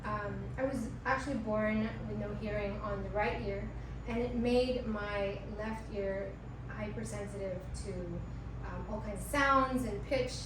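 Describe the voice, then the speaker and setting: A woman's voice: mid-range voice, steady tone, a little slow. A woman from Hong Kong teaching a workshop, chatting casually with lots of fillers like um and like. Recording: echoey room, far mic, audible noise.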